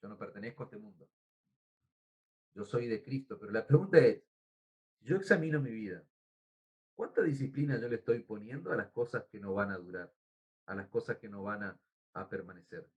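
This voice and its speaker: An Argentine pastor preaches a sermon in Argentine Spanish, earnest and teacherly, explaining words, spelling them out, and often calling the congregation brother. His lowish voice is brisk with frequent pauses, and the highs are cut off.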